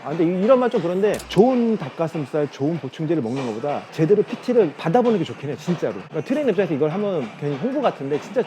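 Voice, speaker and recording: Fast, lively male fitness coach. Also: a little high, noisy background. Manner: casual, chatty, demonstrating as he talks. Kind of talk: gym machine tutorial. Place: gym.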